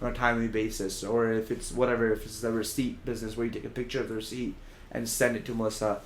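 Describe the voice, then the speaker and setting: A man's voice: medium pitch, little pitch movement, quick pace, slight background noise. Rambling man in an echoey room. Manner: rambling, with many fillers and restarts. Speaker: podcast co-host. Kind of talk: casual chat.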